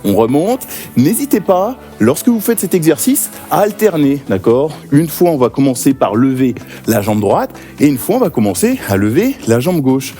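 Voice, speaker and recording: An energetic male fitness coach calls out punches and counts with lively swings in pitch. His tone is dark and mellow, and faint music plays behind him. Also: moderate pace. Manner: energetic, encouraging counting and cues. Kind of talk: guided workout class.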